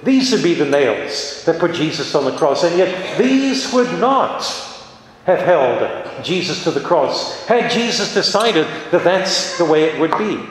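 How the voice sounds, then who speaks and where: A higher-voiced man preaching a sermon in a large hall, his words ringing off the walls with a long, heavy echo. He speaks in an animated way, putting dramatic stress on key words and asking his listeners rhetorical questions. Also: a little slow. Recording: very echoey hall with long reverb.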